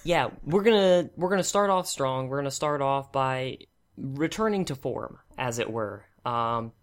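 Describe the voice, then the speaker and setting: A man's voice: medium pitch, animated, unhurried. A man hosting a podcast in a casual, wry, joking way. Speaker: podcast host. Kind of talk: casual chat.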